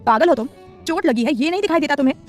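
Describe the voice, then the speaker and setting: A woman voicing a gruff but caring young man in a romance story, scolding in a raised, higher voice. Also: animated, racing, soft background music. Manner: scolding, exasperated.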